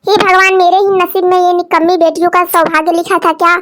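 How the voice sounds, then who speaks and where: A woman's voice: extremely high pitch, little pitch movement, fast talker, a bit bright. A woman voicing a weary cartoon mother who scolds her two quarrelling daughters. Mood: pleading. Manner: weary, pleading. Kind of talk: cartoon voice acting.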